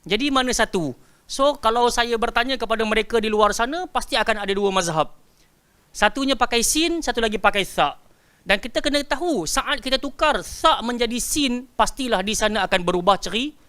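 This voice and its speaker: Bright high-voiced Malaysian male Quran teacher. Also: clean tone. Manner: drills pronunciation, stretching words slowly and asking pupils to repeat; quizzes pupils by name and praises answers. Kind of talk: teaching Quran recitation to a class.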